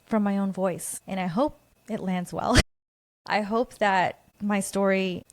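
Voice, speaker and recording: A woman's voice: medium pitch, fairly even intonation, takes it slowly, dry recording. A woman from Guatemala hosting her own podcast, talking in an earnest, reflective and openly personal way. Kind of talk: personal solo monologue.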